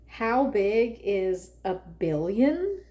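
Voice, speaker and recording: A woman narrates a children's storybook aloud in a medium-pitched voice, with unhurried, measured delivery and expressive emphasis.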